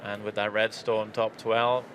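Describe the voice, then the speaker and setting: A man calling play-by-play on a sports broadcast, relaxed and descriptive. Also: lowish voice, a little slow. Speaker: play-by-play commentator. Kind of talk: sports commentary. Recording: noisy arena broadcast.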